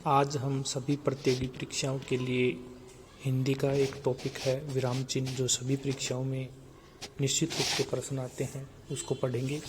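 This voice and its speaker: A man's voice: mid-range voice, noisy background. A man teaching a grammar lesson for exam preparation, listing terms steadily and repeating key words.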